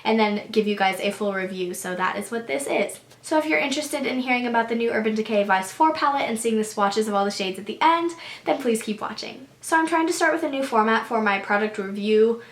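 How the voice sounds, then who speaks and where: A woman's voice: on the high side, lively intonation, a little fast, a bit bright. Congested twenty-something woman doing a chatty beauty review, voice still not back, lots of "like", echoey room. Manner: chatty, frequent "like" and "so". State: congested, voice not fully recovered. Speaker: beauty vlogger. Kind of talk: casual product review to camera. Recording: roomy echo.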